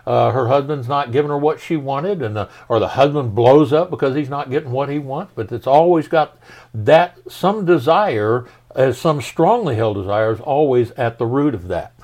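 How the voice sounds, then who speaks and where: A man's voice: medium pitch, normal speed, a little mellow. Middle-aged male pastor, folksy teacher, talks through everyday examples and asks questions. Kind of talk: casual teaching conversation.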